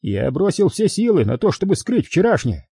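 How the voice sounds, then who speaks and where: A man's voice: sits high, big pitch swings, moderate pace, dark tone, breathy edge, no room sound, studio quality, voice pushed up, full character voice. A man voicing an exasperated, fearful police inspector who protests and argues.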